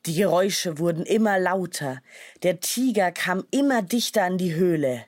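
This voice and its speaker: A woman narrating a children's storybook in a calm, measured way. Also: on the low side, no echo, studio quality.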